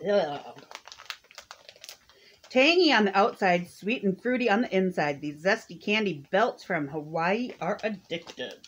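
A woman with a mid-pitched voice sits on a living room couch. She reads snack descriptions aloud and follows them with short, dry verdicts. Faint hiss sits behind her. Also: expressive, measured pace. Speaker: snack box reviewer. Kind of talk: casual taste-test chat.

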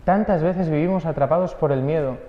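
A man's voice: fairly high pitch, fairly quick, reverberant, big-room sound, muffled recording. A man, a priest giving an earnest sermon that speaks straight to each listener. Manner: earnest, addresses listeners directly.

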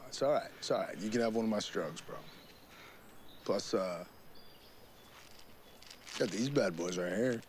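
A laid-back stoner hiker. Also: male voice, on the low side, animated, measured pace, pauses often, a little hiss or hum. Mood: easygoing. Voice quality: drawling, easygoing slang. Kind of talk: film acting. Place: woods outdoors.

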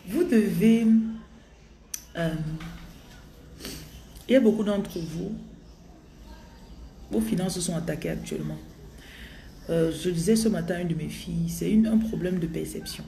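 A woman talking casually on a phone live stream as a spiritual coach, in a relaxed, rambling way with many fillers. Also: fairly low pitch, measured pace, gravelly, pauses often. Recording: echoey room, faint noise.

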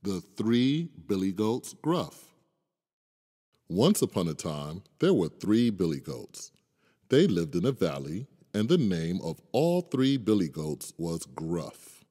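Expressive man reading a children's story. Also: low-pitched, a little slow, slightly rough, big-room sound. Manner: expressive, animated. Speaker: storybook reader. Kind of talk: children's read-aloud.

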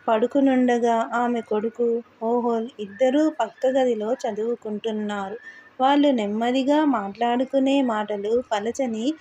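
A woman narrating a translated novel as an audiobook, in even, steady storytelling. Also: fairly high pitch, slight background noise.

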